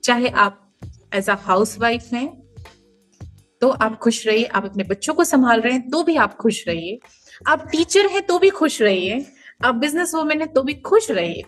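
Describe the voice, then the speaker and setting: A woman in her thirties speaks as a podcast guest, earnest and emphatic, and she explains her points through homely comparisons. Her voice sits fairly high. Faint music plays under the conversation. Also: a bit bright. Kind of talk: podcast interview answers.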